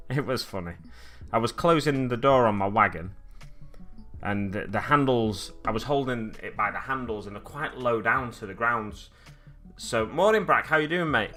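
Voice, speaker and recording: Chatting with viewers and wandering through stories, a streamer host paints miniatures during a casual livestream from his hobby desk at home, in front of a glass cabinet. His voice, slightly scratchy, is medium-pitched, bright and forceful, with lively intonation at normal speed, and faint music plays behind.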